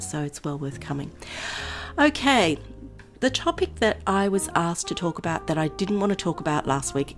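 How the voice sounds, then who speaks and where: A woman vlogger chatting casually to her viewers, her voice nasal and hoarse from a cold, rambling and laughing often. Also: sits low. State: voice going hoarse. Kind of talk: casual chat to camera.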